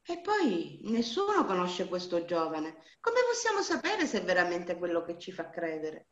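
Woman voicing a gentle, wary merchant's daughter. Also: lowish voice, wildly swooping pitch, moderate pace. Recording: dull lo-fi roomy recording.

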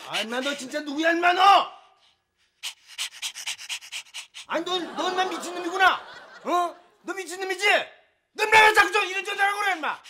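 An actor playing a hot-tempered middle-aged husband who blusters and shouts threats down the phone. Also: male voice, very high voice, animated, measured pace, pauses often. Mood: angry. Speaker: husband in a sitcom. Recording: broadcast sitcom with clear background noise.

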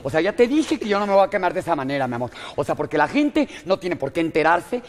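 A woman's voice: lowish voice, big pitch swings, quick pace, long reverb tail. A woman with a Mexican accent playing a vain, dramatic blonde actress in a live comedy sketch, gushing and calling everyone "mi vida". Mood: diva huffing. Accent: Mexican Spanish. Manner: campy, gushing, peppers lines with "mi vida" and "hello". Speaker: comedy performer.

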